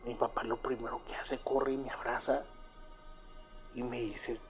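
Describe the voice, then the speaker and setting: A man's voice: mid-range voice, flat delivery, a little slow, soft background music. Rambling Mexican man telling a story. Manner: rambling, filler-heavy with frequent "pues" and "¿verdad?". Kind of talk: first-person true story.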